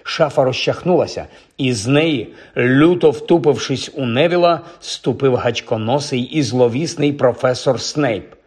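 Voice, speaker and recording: Man, audiobook narrator, scripted story reading, medium pitch, vivid storytelling. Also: unhurried, hardly any pauses, darkish tone, slightly rough.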